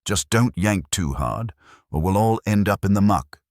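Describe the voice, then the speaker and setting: A man voicing a gruff, snappy army sergeant who grumbles, in a dark fantasy audio story. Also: fairly low pitch, lively intonation, measured pace, dry recording, studio quality, pitched above the performer's own voice. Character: gruff male sergeant, grumbling, swamp guide.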